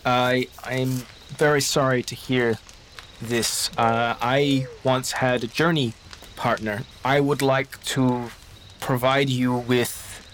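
A man doing a slow, halting, kindly pilgrim. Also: medium pitch, steady tone, a bit bright, a little hiss or hum. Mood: gentle. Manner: slow, halting, searching for words. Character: kindly devout male traveler with halting English.

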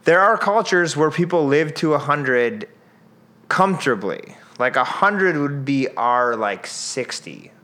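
A man's voice: a little high, sing-song, slow pace, sharp tone. A young man co-hosting a podcast, chatting casually with jokes and lots of fillers. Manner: joking, rambling with many fillers. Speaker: podcast co-host. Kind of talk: casual chat.

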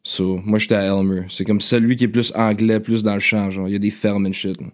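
A man with a Québécois French accent, from the Outaouais, talking as an interview guest. He speaks in a quiet, relaxed way, with English slang and swearing mixed in. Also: lowish voice, a little fast. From Outaouais, Quebec. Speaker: guest, music producer. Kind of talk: casual interview.

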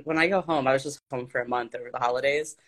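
A woman's voice: rumbling low, fairly even intonation, racing. A woman from Arkansas, hosting a podcast in casual chat, self-deprecating and laughing often. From Arkansas, US South.

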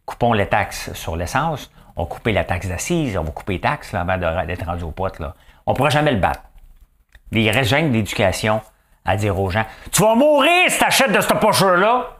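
A man with a Quebec French accent doing a rambling, animated comedic monologue full of fillers and repeated words. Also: low voice, moderate pace.

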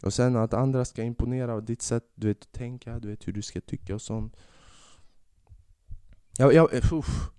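A man's voice: mid-range voice, pauses often, smooth, no room sound, clean studio sound. A man hosting a casual monologue podcast, ranting and rambling with lots of swearing, and sick with a fever. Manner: swearing, rambling, animated rants. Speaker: podcast host.

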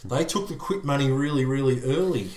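A man's voice: medium pitch, fairly quick, darkish tone. An Australian man hosting a casual motor racing watch-along, giving dry, wry mock commentary among friends. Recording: echoey room.

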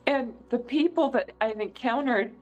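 A middle-aged woman from California speaks as an interview guest, earnest and emotional as she tells personal stories. Her voice sits a little high. Soft music plays faintly behind her. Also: normal speed, dull audio. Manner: emotional, earnest, animated storyteller. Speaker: political candidate, guest.

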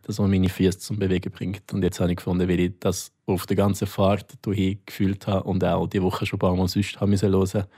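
A man's voice: low voice, completely flat delivery, a little fast, hardly any pauses, mellow, breathy edge. A man with a Swiss German accent co-hosting a podcast, joking around in casual chat with frequent fillers. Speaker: podcast co-host.

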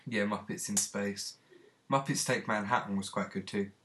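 A man's voice: lowish voice, fairly even intonation, moderate pace, fairly bright tone. A man co-hosting a casual comedy chat about films, with dry, wry banter. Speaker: co-host.

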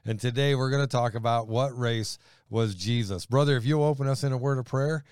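A man from Honduras hosting a relaxed Bible discussion, laughing easily and reading scripture aloud. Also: medium pitch, a little fast, clean tone, dry recording, studio quality. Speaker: host.

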